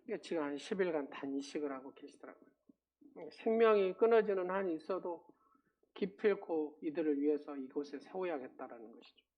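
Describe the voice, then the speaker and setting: A man preaching a sermon as a pastor. He drops to quiet murmurs, then climbs to loud, emphatic peaks and puts rhetorical questions to the congregation. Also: fairly high pitch, a little fast, muffled recording.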